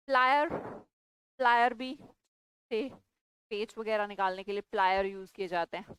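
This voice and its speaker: A woman's voice: medium pitch, moderate pace, a bit bright, clear, resonant tone, no echo, low-quality recording. A woman teaching an English grammar class, firmly questioning and scolding students. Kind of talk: online class lecture.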